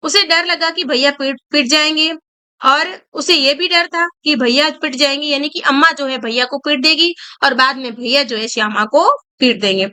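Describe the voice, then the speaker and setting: A woman's voice: high voice, moderate pace, bright, forceful tone. A woman reading a story aloud to students and explaining each line in simple words. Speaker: Hindi teacher.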